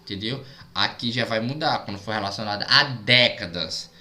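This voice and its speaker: Bright-voiced man teaching a lesson. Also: lowish voice, moderate pace. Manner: explains step by step, repeats examples, often checks "entendeu?". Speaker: English teacher. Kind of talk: recorded online lesson.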